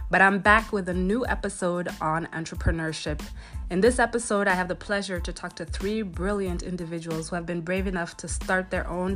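Friendly woman podcast host, slightly low voice, faint music underneath. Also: fairly bright tone. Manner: friendly, laughs often, many short acknowledgements. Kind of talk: interview podcast.

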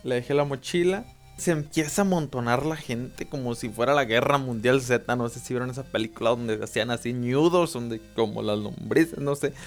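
A young man with a Mexican accent casually telling a personal story, slangy and animated. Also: medium pitch, moderate pace, faint music behind. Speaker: vlogger.

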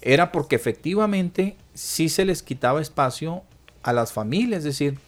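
A man's voice: a little high, expressive, moderate pace. A man with a northern Mexican border accent talks casually as a radio call-in host, explaining things in colloquial words and often checking for agreement.

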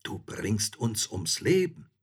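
A wary young fairy-tale hunter, as a man reads him, hesitant and careful, in a slightly raised husky voice. He sounds uneasy and restrained throughout. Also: fairly low pitch, sing-song, takes it slowly, full character voice. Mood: cautious. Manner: hesitant and cautious. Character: cautious timid young male hunter.

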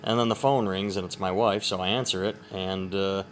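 A man podcasting casually, keeping subdued and quiet at night as he rambles and swears through his stories. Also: sits low, fairly even intonation, a little fast. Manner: subdued, holding back as others sleep nearby; profane, rambling storyteller. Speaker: podcast host. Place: upstairs room at home at night. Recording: clear background noise in room.

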